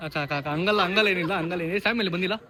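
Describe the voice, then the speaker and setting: A man's voice: sits high, very fast. A young man hosting a casual party vlog, teasing and greeting guests as he walks around. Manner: playful, teasing, greets everyone. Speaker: vlogger host. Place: crowded indoor birthday party. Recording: noisy party crowd behind. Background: chattering crowd.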